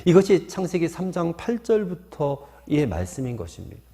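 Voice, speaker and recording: A male pastor delivers a sermon in a mellow, warm tone. His pitch rises and falls in animated swings as he asks rhetorical questions. He slips into folksy anecdotes to make his points. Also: normal speed. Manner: poses rhetorical questions to the congregation.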